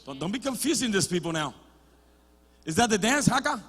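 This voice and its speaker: High-voiced bilingual preacher in a reverberant hall. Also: male voice, big pitch swings, moderate pace, slightly rough, faint music behind. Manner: switches between Spanish and English mid-sentence; builds to loud shouted passages, then drops to quiet. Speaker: pastor. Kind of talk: sermon. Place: church sanctuary.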